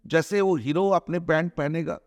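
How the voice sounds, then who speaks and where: A middle-aged man from India, a film director giving an interview, arguing his points earnestly with many restarts and drawn-out hesitations. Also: on the high side, fairly even intonation, dry recording. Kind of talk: conversational interview, mixing Hindi and English.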